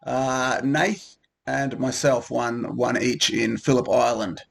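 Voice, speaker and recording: A man, co-hosting a relaxed, rambling chat about a gaming event. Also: mid-range voice, takes it slowly, vocal fry, husky. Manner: relaxed, rambling with many ums and restarts. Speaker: co-host of a gaming group video. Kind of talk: casual chat.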